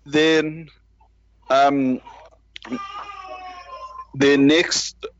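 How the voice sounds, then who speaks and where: A man's voice: mid-range voice, level tone, drawn-out words, lo-fi sound. A man talking rugby in a casual, rambling way, with many restarts and self-deprecating asides. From South Africa. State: parent with a baby nearby. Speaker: rugby podcast panelist. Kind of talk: casual chat.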